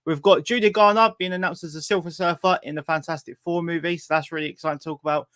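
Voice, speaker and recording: British host, slightly high male voice, dry sound. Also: fairly even intonation, quick pace, bright, forceful tone, dry recording. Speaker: talk show host. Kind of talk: casual livestream hosting.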